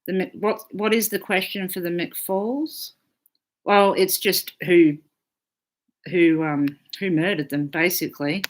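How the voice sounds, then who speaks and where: A woman's voice: on the low side, steady tone, takes it slowly. A woman astrologer hosting a casual live stream, chatting freely, swearing often and reading out viewer comments.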